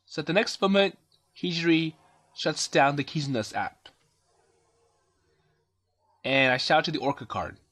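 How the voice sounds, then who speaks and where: A man's voice: a little high, lively intonation, unhurried, pauses often, a bit bright. A man casually commenting on a story game, hesitantly summarizing and paraphrasing the dialogue with many fillers. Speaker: let's play commentator. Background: game music.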